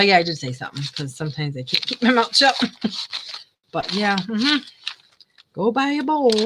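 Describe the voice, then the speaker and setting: An older woman chats away while she crafts, rambling from one thought to the next with easy laughs. Her voice sits a little low. A steady noise runs under the recording. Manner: chatty, rambling, laughs often. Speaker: craft livestream host. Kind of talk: casual chat while crafting. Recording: noisy home recording.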